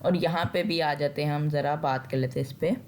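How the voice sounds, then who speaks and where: A woman's voice: low-pitched, fairly even intonation, a little fast, a little mellow, a little hiss or hum. A woman with a Pakistani Urdu accent teaching Quran recitation rules patiently, step by step. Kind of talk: tajweed lesson with recitation.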